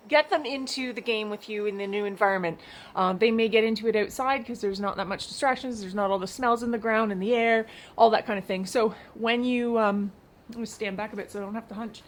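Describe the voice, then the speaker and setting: A woman dog trainer explaining a game outdoors in a chatty, reassuring, unscripted way. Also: fairly high pitch. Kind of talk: casual instructional talk.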